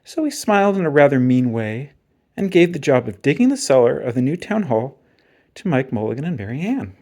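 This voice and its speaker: With a medium-pitched voice and a fairly quick pace, a man performs a children's picture book aloud, giving it expressive storytelling flair.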